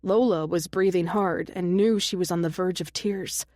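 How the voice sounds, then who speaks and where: Woman reading a romance audiobook, kinda low voice, super dry close mic. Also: steady tone, normal speed, darkish tone, dry recording. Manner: reads every character herself, small voice shifts. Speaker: audiobook narrator. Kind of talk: scripted romance audiobook narration.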